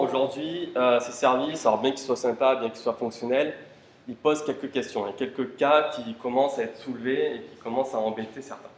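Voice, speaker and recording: A man giving an informal talk at a tech conference, asking the audience rhetorical questions and dropping casual fillers. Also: medium pitch. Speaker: conference speaker. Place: conference room. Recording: roomy hall with faint ambience.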